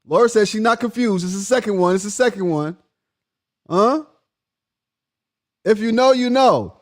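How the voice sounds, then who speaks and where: Hosting a laid-back live stream, a man whose voice sits high talks at a moderate pace. He teases his audience with playful questions, laughs a lot, and shifts from loud bursts to hushed tones.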